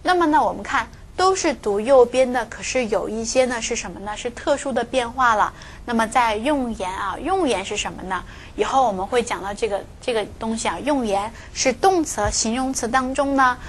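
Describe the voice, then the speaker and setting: A woman teaching a recorded pronunciation lesson, explaining step by step and repeating each example word several times, with soft filler particles at the ends of her phrases. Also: on the high side, brisk, slight background noise. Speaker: Korean language teacher.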